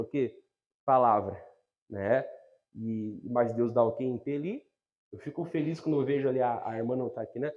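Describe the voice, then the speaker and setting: Brazilian pastor preaching with loud swells. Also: male voice, fairly high pitch, dull audio. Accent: Brazilian Portuguese. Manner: conversational preaching, frequent tag questions, swells to loud emphatic readings. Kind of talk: sermon.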